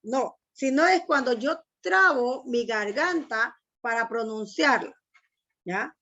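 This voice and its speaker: A woman's voice: on the high side, expressive, slow pace, bright, forceful tone, highs cut off. A woman teacher giving an online language lesson, patiently explaining step by step and asking students to read aloud.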